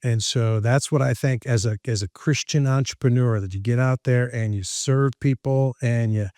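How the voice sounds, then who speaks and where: Male motivational speaker as podcast guest: mid-pitched, animated, quick to joke, close and dry. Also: no echo. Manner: lively, jokey, laughs at his own lines. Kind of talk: animated storytelling in conversation.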